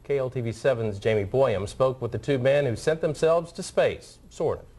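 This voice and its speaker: A man's voice: medium pitch, moderate pace, darkish tone, slightly rough. A man anchoring a TV newscast in a conversational, enthusiastic way. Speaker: news anchor. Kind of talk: studio news anchoring.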